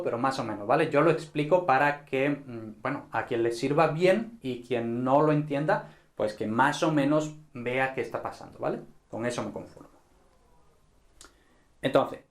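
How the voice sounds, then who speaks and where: A man teaching a grammar lesson at a board, relaxed and checking in often with his listeners. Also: mid-range voice. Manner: relaxed, frequent "¿vale?" and "¿no?" check-ins.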